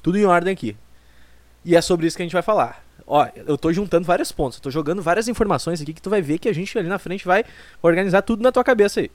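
Speaking fast with lively intonation and a high voice, this young Brazilian podcast host in his 20s talks close to the mic with no echo. His solo comic show is rambling, self-mocking, and full of profanity.

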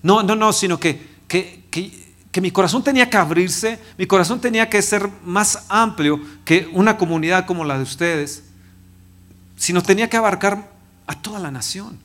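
A man in his fifties, a pastor, preaching a personal testimony with emotion, dropping to a hushed voice and rising again. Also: high-pitched, moderate pace. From Mexico. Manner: emotional, swings from loud to hushed. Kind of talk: sermon testimony.

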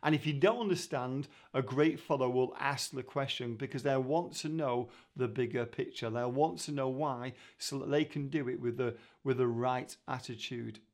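Middle-aged male teacher, mid pitch, earnest, talks loosely with restarts. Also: normal speed, hardly any pauses. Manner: earnest, conversational, with frequent restarts. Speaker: ministry founder teaching on leadership. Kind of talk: recorded teaching talk.

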